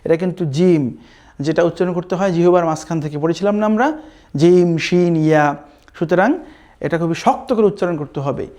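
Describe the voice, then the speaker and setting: A man's voice: a little high, a little fast, a little mellow. A man with a Bangladeshi Bengali accent teaching Quran recitation, patiently repeating sounds and checking in with his students. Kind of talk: recitation lesson with chanted examples.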